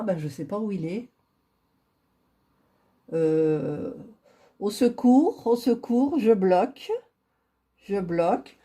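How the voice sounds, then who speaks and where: A woman's voice: mid-range voice, warm tone. A woman chatting casually while drawing giveaway winners on a computer, laughing at her own fumbling. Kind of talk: casual screen-recorded vlog.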